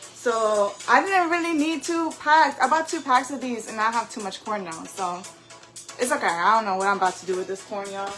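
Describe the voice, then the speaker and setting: A young woman talks her viewers through a home-cooked meal in her own kitchen, chatty and loose and quick to laugh at herself. Her voice sits a little on the high side. Faint music plays underneath. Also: fairly bright tone, reverberant. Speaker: home cook vlogger. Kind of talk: casual cooking vlog.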